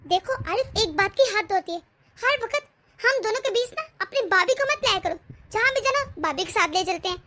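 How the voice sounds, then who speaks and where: A woman voicing a jealous, sharp-tongued young wife who complains indignantly in a cartoon story. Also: very high voice. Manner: complaining, indignant, quick to snap.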